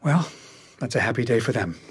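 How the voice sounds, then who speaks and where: In a naturalistic radio drama, an actor plays a careful, placating middle-aged husband who speaks tentatively and haltingly. His male voice is mid-range, husky, and animated.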